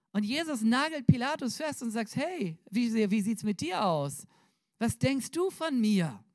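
A man's voice: high voice, no echo. Conversational preacher man, dry sound. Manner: addresses the congregation with rhetorical questions; conversational, searching for words mid-sentence. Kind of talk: sermon.

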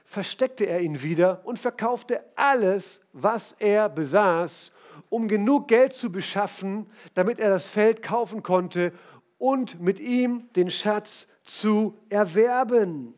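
A man's voice: high voice, takes it slowly, darkish tone. A male preacher giving a casual, enthusiastic sermon full of storytelling, talking straight to his listeners.

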